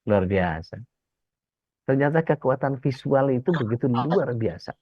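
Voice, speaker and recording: Speaking at an unhurried pace in a medium-pitched, expressive voice, the man tells stories during an informal religious talk and acts out the characters he quotes. The recording is dull, dry and lo-fi, with slight background noise.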